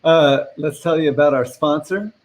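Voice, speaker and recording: A man's voice: a little high, normal speed, poor audio. A man co-hosting a casual online show over a video call, joking and poking fun at himself. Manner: joking, self-mocking. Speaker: co-host.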